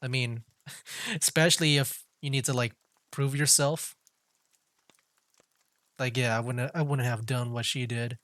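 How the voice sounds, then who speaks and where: A man's voice: mid-range voice, fairly even intonation, measured pace, pauses often, fairly bright tone, dry recording. A man commenting casually on a story game as he plays, with frequent fillers and laughs. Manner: chatty, full of fillers and laughs. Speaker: gaming streamer. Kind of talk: casual let's-play commentary.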